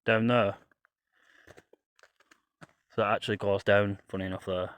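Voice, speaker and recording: Male paranormal investigator, lowish voice, dry close sound, casual musing vlog delivery. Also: level tone, unhurried, a bit bright, smooth, no echo. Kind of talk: casual ghost-hunt vlog narration. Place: outdoors on a path at night.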